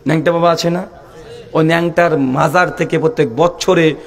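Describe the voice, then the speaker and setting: A man preaching an impassioned sermon, chanting and shouting as he puts pleading questions to the crowd. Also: on the high side, fairly even intonation, normal speed, long reverb tail. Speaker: preacher at a waz mahfil.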